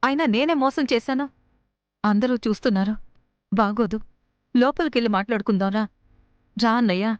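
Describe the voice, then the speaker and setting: A woman's voice: fairly high pitch, normal speed, long pauses, clear, resonant tone, no echo, dull audio, close to an everyday voice. An actress playing a middle-aged mother falsely accused of fraud, placating and begging. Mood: defensive. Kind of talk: TV serial acting.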